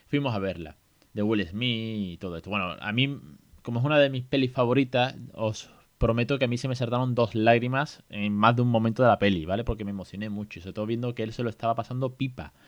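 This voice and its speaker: A man's voice: mid-range voice, fairly even intonation, fast talker, dull audio. A man talks through a casual podcast monologue. He is colloquial and self-mocking, and he restarts his sentences often. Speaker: podcast host and parent.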